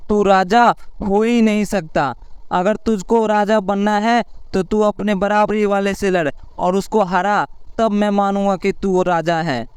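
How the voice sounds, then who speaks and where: A man doing a crisp defiant little sparrow. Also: sits high, steady tone, a little slow, no room sound. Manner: scolding, warning. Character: small defiant male sparrow, stern.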